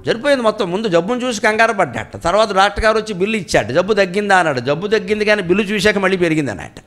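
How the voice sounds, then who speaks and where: A middle-aged man with a Telugu accent gives a spiritual discourse at a memorial event. He tells stories and asks rhetorical questions, and his voice swings between loud and quiet. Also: sits high, animated, rapid-fire. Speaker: spiritual speaker. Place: cultural hall at a memorial event.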